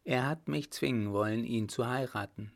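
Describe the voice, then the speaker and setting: A man reading an audiobook, voicing a calm, coldly vengeful young woman. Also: mid-range voice, vocal fry, natural voice. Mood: cold resolve. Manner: calm, hard, measured. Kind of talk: audiobook character voice.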